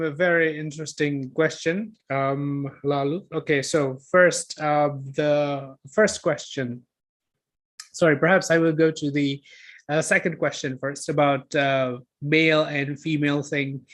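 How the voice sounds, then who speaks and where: Male lecturer on a video call, slow and hesitant, raised pitch. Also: fairly bright tone. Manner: hesitant, filler-heavy, self-correcting. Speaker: guest lecturer. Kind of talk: online Q&A talk.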